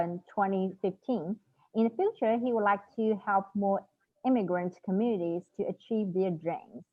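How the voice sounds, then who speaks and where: A young woman hosting a student studio talk, introducing guests politely and carefully with many fillers. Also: mid-range voice. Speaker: student host. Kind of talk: hosting an interview. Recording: thin phone-like call audio.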